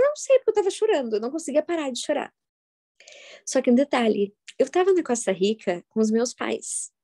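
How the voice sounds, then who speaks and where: A woman, giving a live workshop talk to an audience, telling stories in a jokey, animated way with sudden loud, high bursts. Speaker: workshop facilitator.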